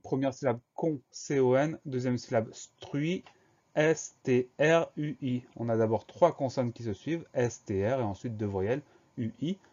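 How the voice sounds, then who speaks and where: A young man teaching a spelling lesson, spelling words out letter by letter with slow, careful dictation. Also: mid-range voice, mellow, muffled recording.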